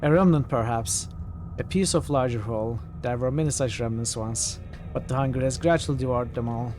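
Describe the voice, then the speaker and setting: A man's voice: mid-range voice, brisk, darkish tone, soft background music, lightly acted. A man voicing a very old, weary spirit, cryptic and urgent, in a video game. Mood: grave, weary.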